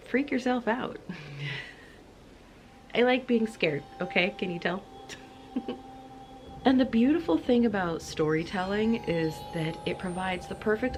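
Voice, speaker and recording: This channel host has a mid-range voice and talks to the camera with cozy, playful enthusiasm, sometimes lowering to a spooky whisper. A little background noise is audible, and her voice is slightly off because she's getting sick.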